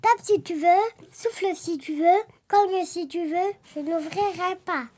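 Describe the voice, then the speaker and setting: A woman voicing a stubborn little male pig in a read-aloud children's story, pitching her voice up high. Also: unhurried, darkish tone. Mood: defiant.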